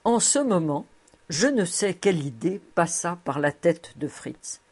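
Female audiobook narrator, lowish voice, measured and steady. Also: breathy edge. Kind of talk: reading a novel aloud.

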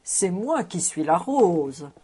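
A jovial, teasing bon vivant, voiced by a woman reading a novel aloud, lively and quick to poke fun. His voice comes out soft, dark and a touch husky. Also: on the high side, pitched above the performer's own voice, exaggerated voice.

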